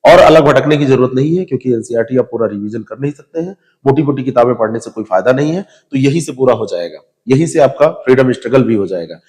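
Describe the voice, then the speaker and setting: A man's voice: mid-range voice, expressive, fast, hardly any pauses, darkish tone, in a large hall. A man giving direct, informal advice on which books to study for a civil service exam. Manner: direct, advising, addresses viewers as you. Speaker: exam prep teacher.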